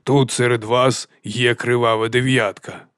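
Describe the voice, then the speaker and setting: A fat, grinning hill chieftain, put on by a male audiobook reader, stretches his words into a lazy sing-song. He slides from a near-whisper to a booming boast without warning, unsettling and merry at once. The voice sits at an ordinary male pitch in a dry, close recording. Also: level tone, measured pace, clear, resonant tone, no room sound, close to an everyday voice. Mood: jovial, unhinged. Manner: drawling and sing-song, swinging between hushed and loud. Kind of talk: audiobook character voice.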